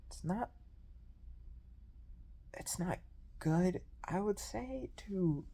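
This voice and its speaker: A young man talking through a personal video diary in a reflective, rambling way, with many fillers and pauses. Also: high voice, lively intonation, gravelly, dark tone. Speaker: video journal host.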